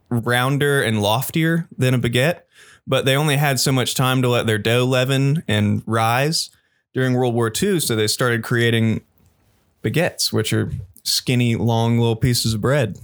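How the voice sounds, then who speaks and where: A man co-hosting a casual food tasting chat, given to rambling explanations. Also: mid-range voice.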